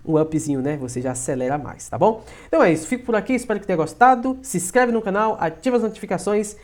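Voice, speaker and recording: A man with a Brazilian Portuguese accent teaches English grammar in a relaxed, conversational lesson. He keeps checking in with tag questions and draws out each example sentence slowly. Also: high-pitched. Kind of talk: casual explanatory lesson.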